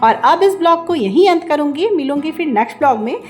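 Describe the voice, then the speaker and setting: A woman in her thirties narrating a home vlog in voice-over. She speaks loudly and emphatically, in a raised, high-pitched voice that can sound like she is scolding. It is recorded without a proper mic. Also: lively intonation, fast. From India. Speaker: vlogger and housewife. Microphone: no external mic for voice-over.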